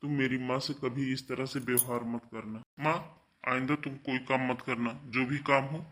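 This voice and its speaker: A man's voice: medium pitch, fairly even intonation, moderate pace, fairly bright tone, close to an everyday voice. A man voicing a young married son in a cartoon, who lectures his wife sternly about respecting his mother. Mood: lecturing. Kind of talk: cartoon voice acting.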